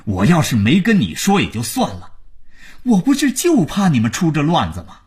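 A man's voice: fairly low pitch, sing-song, normal speed, a little mellow, breathy edge, heavily acted. A man voicing a blunt, proud man who speaks curtly and scolds. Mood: scolding. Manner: curt, scolding.

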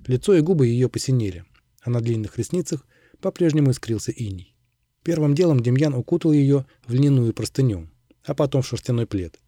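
Audiobook narrator, male, calm and measured, very dark mellow tone, dry close recording. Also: mid-range voice, dry recording.

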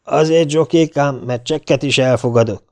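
A man's voice: mid-range voice, a little mellow, voice pushed up, lightly acted. A man voicing a sly, cigar-smoking male bail bondsman who mocks his client jovially. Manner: jovial, mocking.

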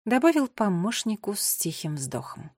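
A woman's voice: mid-range voice, very animated, moderate pace, darkish tone, husky, no room sound. Woman narrating a storybook, dry sound. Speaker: audiobook narrator.

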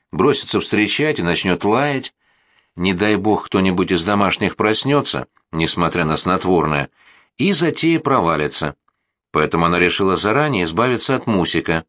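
A man voicing a balding husband who calmly explains a staged death in an audiobook. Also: sits low, no echo.

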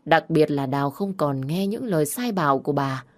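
A woman narrating an audiobook story in a steady, measured reading voice. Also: low-pitched.

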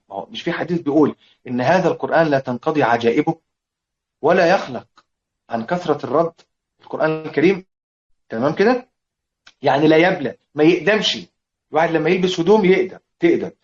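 A man with an Egyptian Arabic accent teaching a classical poem, checking often that his students follow and chanting verses slowly. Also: on the high side. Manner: checks understanding with repeated questions; chants verses slowly, lists points deliberately. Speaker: Quran recitation teacher. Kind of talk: explanatory lesson on classical poem. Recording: dull lo-fi lecture recording.

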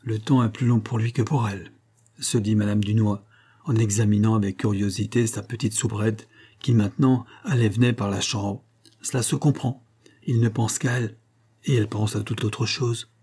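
A man narrating a novel in a measured, even storytelling manner. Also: on the low side, husky. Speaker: audiobook narrator. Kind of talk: scripted narration.

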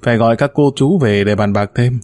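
A man voicing a gruff older brother who coaxes his younger sibling in a low, subdued voice, read as part of a story. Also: brisk, darkish tone, natural voice. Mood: coaxing.

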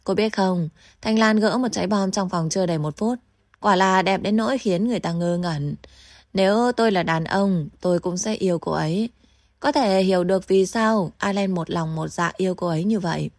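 A woman's voice: mid-range voice, normal speed, no room sound, studio quality, natural voice. A woman playing a sly, gleeful young taunter. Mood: mocking. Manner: mocking, teasing, then falsely gentle and coaxing.

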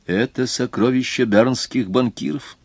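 A man's voice: mid-range voice, measured pace, breathy edge, dry recording, pitched above the performer's own voice. A man reading an audiobook, voicing a fussy, anxious Swiss watchmaker who takes offence easily.

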